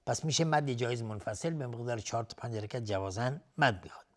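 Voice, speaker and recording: A man teaching Quranic recitation rules on a TV lesson. He chants verses slowly and drawn out, then explains each rule in quick, plain talk. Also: mid-range voice, lively intonation, fairly bright tone. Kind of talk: tajweed lesson with slow recitation. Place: TV studio.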